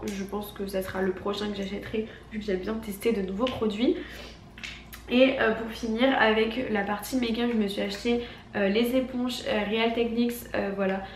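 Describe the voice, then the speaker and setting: A woman's voice: medium pitch, fairly even intonation, normal speed. A young woman with an accent from France chats casually and emphatically about her shopping, her voice honking and nasal like a duck from a cold. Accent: French from France. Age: young adult. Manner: informal, filler-heavy, emphatic. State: congested, sick with a cold. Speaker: beauty vlogger. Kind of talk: casual chatty product haul. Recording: echoey room, faint background noise.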